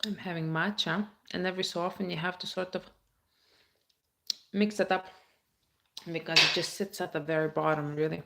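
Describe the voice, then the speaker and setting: A woman talks into her phone on a live stream, her voice sitting a little low. She chats casually and reads viewers' comments aloud before answering them. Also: fairly even intonation, normal speed, vocal fry, long pauses, noisy background. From Baltic states.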